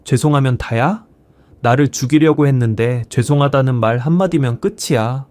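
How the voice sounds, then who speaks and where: A man's mid-range voice, lightly acted, takes on an outraged elderly grandfather and former teacher who shouts and scolds in anger. He keeps a moderate pace. The recording is dry and close, with nothing surrounding it.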